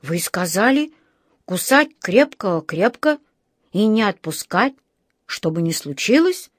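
A woman's voice: medium pitch, very animated, takes it slowly, dry recording, studio quality. A woman voicing a polite, earnest young bear cub who talks in an innocent, matter-of-fact way, in a storybook reading.

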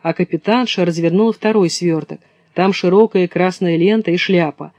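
A man narrating a children's storybook in a lively storytelling manner. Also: high-pitched, moderate pace, dry recording, highs cut off. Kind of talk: storybook reading.

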